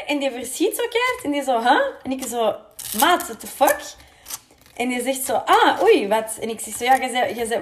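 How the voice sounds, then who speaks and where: A woman's voice: on the high side, a little hiss or hum. A young woman with a Flemish accent telling a story in a casual, chatty way, full of fillers and acted-out quotes with English swears thrown in.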